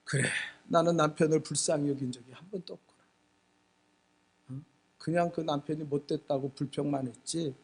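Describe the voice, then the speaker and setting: A man voicing a remorseful middle-aged wife, speaking softly and gently in a husky voice. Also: on the high side, fairly even intonation, normal speed, pitched below the performer's own voice, natural voice. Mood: pleading. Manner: soft, hushed.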